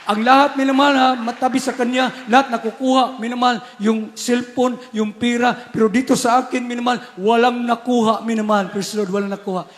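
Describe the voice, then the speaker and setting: A Filipino man preaching a testimony sermon, who keeps repeating a refrain and moves from hushed storytelling to shouted exclamations. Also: extremely high pitch, level tone, a little fast. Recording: church hall reverb.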